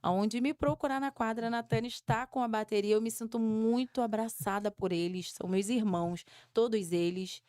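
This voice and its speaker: A young woman with a fairly high voice tells backstage stories as a guest on a podcast, jumping into the voices of the people she quotes. The sound is close and dry, with no room echo. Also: moderate pace, few pauses, smooth. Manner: animated storyteller, acts out quoted voices. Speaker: samba school muse, podcast guest. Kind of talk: storytelling interview chat.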